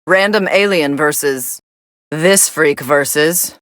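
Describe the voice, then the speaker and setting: An actress playing a cool, sardonic young female android, commentating on fights in a video game with a deadpan, dismissive delivery. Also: deep voice, takes it slowly, dry recording, studio quality. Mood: cool, detached.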